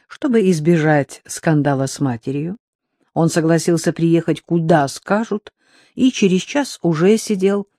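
Wry audiobook narrator, lively swingy voice, super dry close mic. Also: mid-range voice, no echo. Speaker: audiobook reader.

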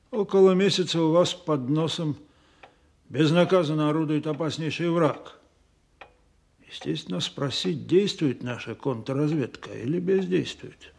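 Slow, stern Stalin in a radio play. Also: male voice, a little high, gravelly, a little mellow, breathy edge, exaggerated voice. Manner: slow, deliberate, accusatory, repeating questions. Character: Stalin, stern menacing older male supreme leader.

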